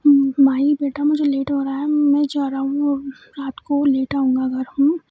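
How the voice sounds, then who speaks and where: A woman voicing a stern, hurt father who scolds his daughter softly, half in a whisper, in a told story. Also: high-pitched, monotone, normal speed, dry recording, lightly acted. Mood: soft, reproachful. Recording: dull lo-fi recording.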